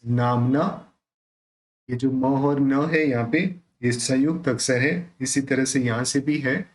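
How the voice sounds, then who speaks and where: An Indian man teaching how to pronounce a devotional hymn. He chants the verses slowly, then explains them quickly. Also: medium pitch, fairly even intonation, rough recording. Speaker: recitation teacher. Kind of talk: pronunciation lesson.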